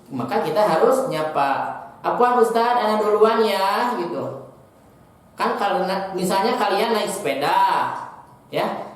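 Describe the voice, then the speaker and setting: A teacher with a Sundanese accent giving a patient lesson to primary school children, repeating key words and asking them questions. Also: medium pitch. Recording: echoey room recording.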